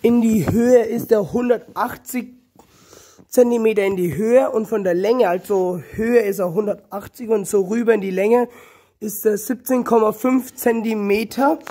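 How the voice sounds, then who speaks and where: A young small-animal farm vlogger with a cold and a slightly hoarse voice walks viewers around his small farmyard outdoors, filming on a handheld phone camera. He rambles, corrects himself and speaks straight to his audience. His voice sits high and warm at a normal speed, with no room sound.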